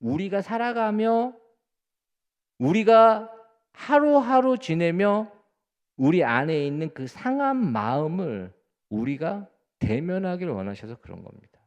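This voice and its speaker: Korean pastor guy preaching, talks right to the congregation, repeats words a lot, fairly high voice. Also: big pitch swings, unhurried, in a large hall. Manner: earnest preaching with rising emphatic peaks and soft low endings; addresses the congregation directly, often repeating words. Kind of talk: sermon.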